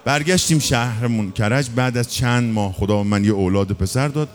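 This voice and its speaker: A man reciting a mourning sermon as a religious eulogist, in an impassioned, half-chanted lament, with music underneath. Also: mid-range voice.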